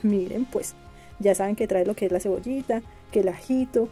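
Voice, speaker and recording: A young woman from Colombia with a Medellín accent, chatting warmly and enthusiastically to her viewers about products. Her voice is mellow and mid-pitched. Soft music plays faintly underneath. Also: normal speed. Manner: chatty and gushing, calls viewers "chicas" and "mis amores". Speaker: beauty vlogger. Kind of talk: casual product review for viewers.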